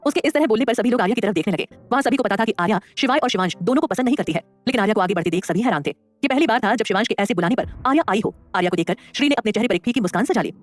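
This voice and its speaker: Fast-talking woman narrating a story. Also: mid-range voice, faint music behind. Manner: lively, voices the characters. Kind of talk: dramatic audio story narration.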